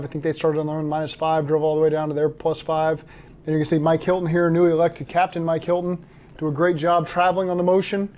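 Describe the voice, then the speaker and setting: A head coach answering interview questions and then breaking down game film in a steady, matter-of-fact way. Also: male voice, fairly high pitch.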